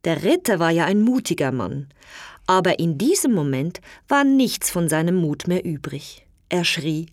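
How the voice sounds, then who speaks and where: A woman reading a fairy tale aloud in slow, clear storybook narration. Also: on the low side, no room sound, clean studio sound. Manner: slow, clear storytelling with lively voiced quotes.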